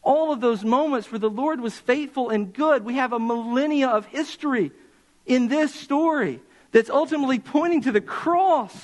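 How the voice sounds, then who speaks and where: A man with a high, light voice preaching to his congregation in a church sanctuary. He talks in an impassioned way and slows right down to press his points home. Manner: impassioned preaching, slowing for emphasis. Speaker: pastor. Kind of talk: sermon.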